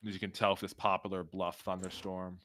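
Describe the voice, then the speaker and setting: A man's voice: low voice, monotone, fairly quick, noisy background. A man hosting live weather commentary on a storm stream, hesitant with many fillers and restarts.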